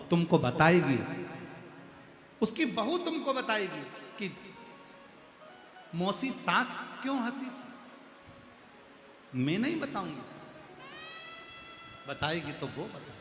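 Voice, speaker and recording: Dude doing a cryptic younger sister-in-law, dodging questions, slightly high, echoey. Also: male voice, fairly bright tone, exaggerated voice. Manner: evasive, riddling. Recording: echoey hall with faint music.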